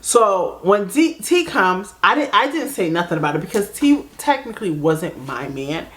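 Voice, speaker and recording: A young woman casually telling a dating story to her vlog audience, chatty and animated, jumping into quoted voices. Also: normal speed. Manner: animated, acts out quoted voices with big pitch jumps; chatty, full of fillers like "like" and "blah, blah". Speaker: storytime vlogger.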